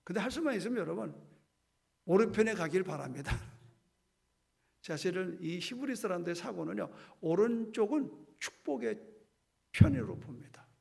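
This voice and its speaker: A middle-aged man preaching a sermon as pastor. He acts out Bible dialogue and swings between loud lines and hushed ones. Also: sits high, animated, moderate pace, vocal fry, pauses often, slightly rough.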